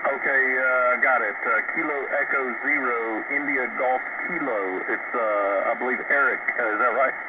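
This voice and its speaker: A ham radio operator, a man, fields calls on shortwave radio with a relaxed manner, many "uh" fillers, and phonetically spelled call signs. He speaks at medium pitch in a steady tone and moderate pace with hardly any pauses, heard through a noisy, distant shortwave receiver.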